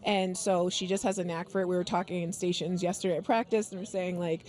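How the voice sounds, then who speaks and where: A woman's voice: lowish voice, fairly even intonation, fast talker, darkish tone. Woman coach, middle-aged, chatty and joking, loose filler-laden talk. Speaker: head basketball coach. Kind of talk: casual interview chat.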